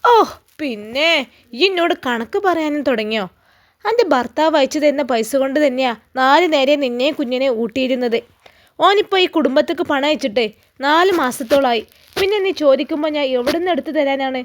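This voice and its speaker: A stingy, scornful older mother-in-law scolds in a Malappuram accent, as a woman puts her on. The voice sits high and the tone stays mocking. It is a spoken storybook role. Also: animated, brisk. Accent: Malappuram Malayalam.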